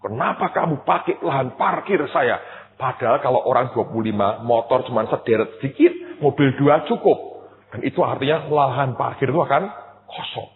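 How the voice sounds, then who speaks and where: A male pastor preaching a sermon, telling a personal story with lively quoted voices and addressing the congregation directly. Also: mid-range voice, a little hiss or hum. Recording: tinny phone-like sound with long hall reverb.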